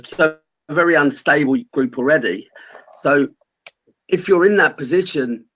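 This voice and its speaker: A caseworker who serves vulnerable clients describes his work casually on a conference call. His mid-range voice has a fairly bright tone, and he speaks in a plain, rambling, colloquial manner. The call audio is dull and lo-fi.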